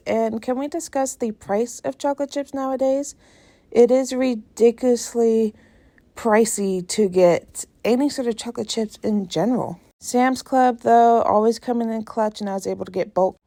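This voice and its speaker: A woman's voice: fairly high pitch, steady tone, normal speed, warm tone. Chatty congested American woman vlogger. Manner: chatty, self-deprecating, talks to herself while working. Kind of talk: casual chat vlog. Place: home kitchen.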